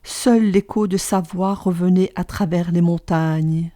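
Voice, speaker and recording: A woman telling a story on a children's podcast in an expressive, dramatic way. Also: fairly low pitch, a little slow.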